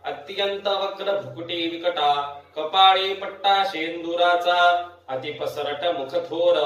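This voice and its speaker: A man with a high voice chants devotional verse line by line, slow and melodic. He sits well back from the microphone. The room around him rings with heavy echo. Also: fairly bright tone. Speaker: scripture reciter. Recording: very echoey room, voice far from mic.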